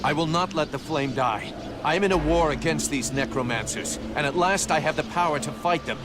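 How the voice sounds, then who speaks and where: An actor playing a stubborn young mercenary hero in a video game, blunt and grumbling. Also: male voice, a little high, brisk, lightly acted. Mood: defensive, resolute. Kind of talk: video game character acting. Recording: music behind the voice.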